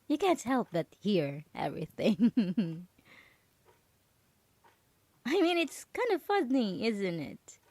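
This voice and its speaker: Recorded dry and close, a woman voices a yandere roommate in an ASMR drama, using a mid-range, darkish, exaggerated voice that's very animated. Possessive and anxiously controlling, she coaxes haltingly with false sweetness, feigning nervous innocence.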